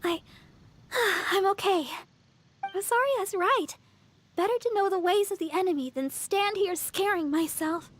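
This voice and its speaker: Game healer: very high, soft, slow and hesitant timid young woman. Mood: reassured. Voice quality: soft, sweet. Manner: halting, anxious. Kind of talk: game cutscene voice acting. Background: game music.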